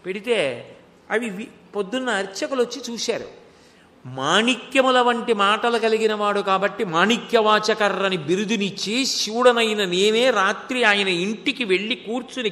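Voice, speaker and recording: A man's voice: high-pitched, pushed and bright. A man giving a spiritual discourse, telling a story and asking rhetorical questions. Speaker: religious discourse speaker. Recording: long hall reverb.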